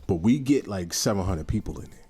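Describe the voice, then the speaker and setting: A man's voice: sits low, expressive, brisk, dark tone, slightly rough. A man hosting a podcast, laid-back and conversational, keeping the talk moving with short responses. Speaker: podcast host. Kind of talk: casual podcast chat.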